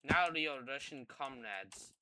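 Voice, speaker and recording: A man putting on a blunt, odd male gamer with a Russian accent, speaking slowly and deadpan. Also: medium pitch, slight background noise, rough recording.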